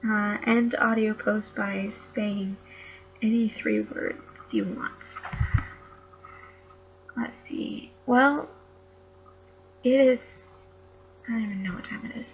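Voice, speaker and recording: A woman's voice: mid-range voice, lively intonation, takes it slowly, long pauses, a little hiss or hum. A young woman with a slight Northeastern US accent, talking casually and hesitantly with many fillers, reading from a storybook and answering questions into a computer microphone. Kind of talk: casual home audio post and storybook reading. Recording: dull lo-fi home recording.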